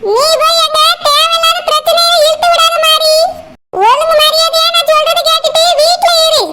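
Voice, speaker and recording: A woman voicing a bossy, scolding village woman in a cartoon, with a squeaky voice. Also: flat delivery, normal speed, bright, forceful tone. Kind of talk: cartoon voice acting.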